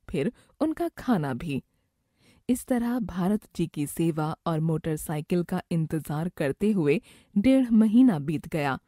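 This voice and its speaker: A woman narrates a moral story at an unhurried reading pace. Her voice sits a little low and sounds mellow and soft. The recording is dry and close, with no room sound. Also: no echo. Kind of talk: scripted first-person story narration.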